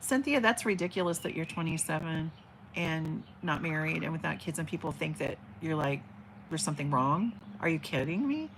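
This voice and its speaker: The rough recording, with a little hiss or hum, captures a woman in her forties livestreaming from home beside an open window as birds sing outside. Her low, expressive teacher voice reads viewer comments at a moderate pace, chatty and warm, often filled with fillers and restarts.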